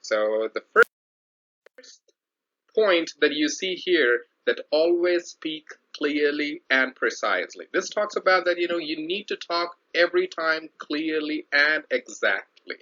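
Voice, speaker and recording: A man's voice: fairly high pitch, lively intonation, sharp tone. A man explaining tips as an online English teacher, talking patiently, restarting phrases and repeating his main points. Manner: explains slowly with many fillers and restarts; instructive, repeats key points. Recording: dull lo-fi sound.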